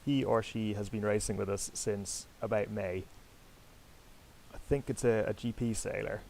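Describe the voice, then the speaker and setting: A man's voice: lowish voice, fairly even intonation, normal speed, creaky, a little mellow, slight background noise, poor audio. A man hosting and commentating online sailing races, chatty and self-deprecating, talking directly to his viewers. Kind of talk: live commentary over a sailing game.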